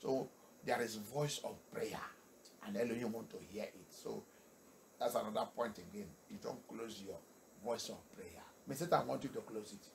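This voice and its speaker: A male pastor preaching a sermon with emphatic delivery, repeating key phrases and swinging from soft to loud. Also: lowish voice, a little slow, vocal fry, a little hiss or hum.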